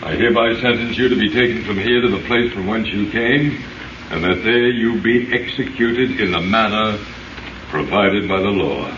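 A man's voice: lowish voice, normal speed, lightly acted. A man playing a stern, unmoved judge in old radio drama, formal, solemn and dryly dismissive. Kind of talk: 1930s radio drama acting. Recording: echoey, distant, muffled, noisy old recording.

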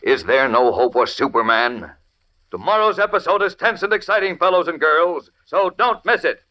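A man's voice: a little high, lively intonation, moderate pace. A man speaking as a 1940s radio announcer for a serial, urgent and dramatic. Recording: dull lo-fi old radio recording.

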